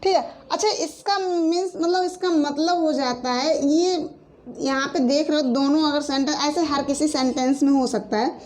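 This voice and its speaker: A woman with a high voice teaches a grammar lesson. She explains patiently, repeating each point and correcting her own slips as she goes. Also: steady tone, a little mellow. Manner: explains slowly, repeats with frequent fillers and self-corrections.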